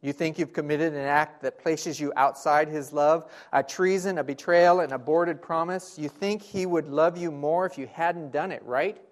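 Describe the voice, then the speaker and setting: A male pastor preaching a sermon, using rhetorical questions and repeated phrases, swinging from loud emphasis to hushed lines. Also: fairly high pitch, fairly even intonation, normal speed, few pauses.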